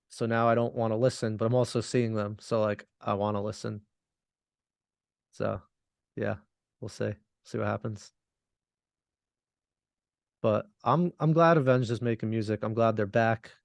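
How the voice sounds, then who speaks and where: Gravelly-voiced man chatting casually. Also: fairly low pitch, moderate pace, pauses often, no room sound, studio quality. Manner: relaxed, rambling, laughs often. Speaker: podcast co-host. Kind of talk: casual chat.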